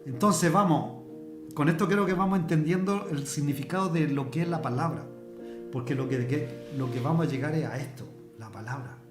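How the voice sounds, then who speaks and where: A man's voice: fairly high pitch, moderate pace, over music. Man teaching in an echoey hall. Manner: conversational, explains with everyday examples. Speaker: preacher. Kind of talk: church discipleship teaching. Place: church hall.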